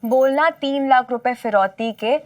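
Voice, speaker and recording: An actress playing a scheming young woman in a sitcom, who gives brisk instructions. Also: high voice, a little mellow, dry recording, studio quality, recorded from a distance. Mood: bossy. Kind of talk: sitcom acting.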